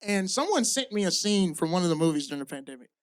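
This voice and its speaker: High voiced southern guy doing stand-up at a comedy club, loose and profane, gets shouty on punchlines. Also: sing-song, quick pace. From American South. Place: comedy club stage before a live audience.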